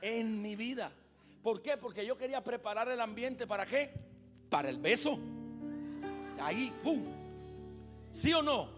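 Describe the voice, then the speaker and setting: High-voiced animated male pastor preaching. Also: unhurried, long pauses, in a large hall, music in the background. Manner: animated, questions the congregation often. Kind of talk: sermon with humorous personal stories. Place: church sanctuary.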